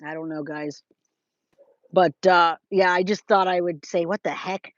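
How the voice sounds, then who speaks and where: A Californian in her forties, hosting a true crime livestream, answers viewer comments in a lowish, steady voice at a measured pace. Her style is informal and emphatic, she repeats herself for effect, and she calls people guys, babe, or my love. The recording is lo-fi with no room sound.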